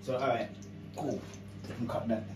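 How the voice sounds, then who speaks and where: A man hosting a casual cooking video in a kitchen, talking in a relaxed way and often saying "yeah" and "quickly". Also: mid-range voice, very noisy. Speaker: cooking show host. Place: home kitchen with frying pan. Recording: roomy sound, mic far off, loud sizzling.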